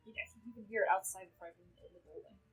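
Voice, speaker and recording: A woman's voice: medium pitch, very fast, husky, faint music behind, low-quality recording. A woman gaming YouTuber chatting casually as she plays, thinking aloud about quests. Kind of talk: casual game commentary.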